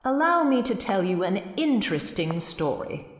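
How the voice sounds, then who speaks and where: A woman narrates a radio drama as a mysterious guide telling dark tales from a crypt, in a theatrical storytelling style that feels mysterious and inviting. Her mid-range voice has big pitch swings at a moderate pace and sounds close to everyday speech. There's background noise.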